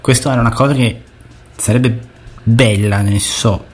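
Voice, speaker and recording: A man's voice: medium pitch, fairly even intonation, moderate pace, a little hiss or hum. An Italian man chatting informally as one of a panel. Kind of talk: casual chat.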